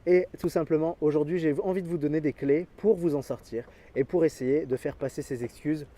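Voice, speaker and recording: A man giving an energetic motivational talk to camera about sport, speaking directly to his viewers and chuckling often. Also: fairly high pitch, a little fast.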